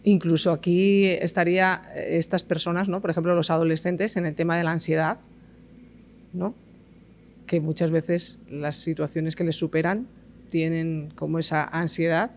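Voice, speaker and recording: A woman's voice: low-pitched, level tone, moderate pace, darkish tone, a little hiss or hum. A woman hosting a podcast interview, adding short affirming remarks and questions. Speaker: podcast host.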